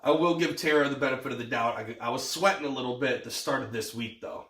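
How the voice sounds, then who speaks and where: A man's voice: mid-range voice, quick pace, fairly bright tone. Male sports podcaster, stuffed-up sniffly nose, cocky and sweary banter, recorded roomy and off-mic. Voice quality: congested, blocked-nose sniffly voice. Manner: boastful, sweary. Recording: echoey room, distant from mic.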